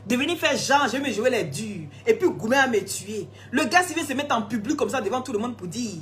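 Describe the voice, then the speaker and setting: A hoarse woman, scolding and gossiping in a casual live stream, laughing often. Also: on the high side, brisk. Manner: animated, scolding, laughs a lot. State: hoarse, sore throat.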